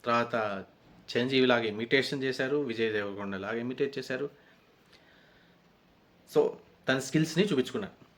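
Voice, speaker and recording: A man's voice: medium pitch, normal speed, pauses often, fairly bright tone. A man giving a rambling, conversational recap of a reality show episode as a reviewer. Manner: rambling, conversational retelling with frequent restarts.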